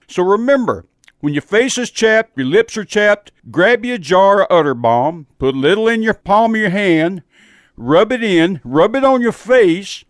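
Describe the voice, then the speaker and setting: A man's voice: high voice, no echo, clean studio sound. A man playing a folksy cowboy trail boss in a radio advert, with a hearty drawl. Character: folksy cowboy trail boss pitching farm-store balm. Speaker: radio ad pitchman.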